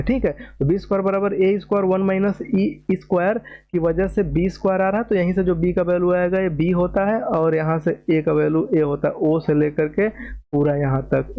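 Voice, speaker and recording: A man's voice: sits high, muffled recording. A man teaching a maths lecture, explaining step by step at a board, patiently repeating key terms and checking that students follow.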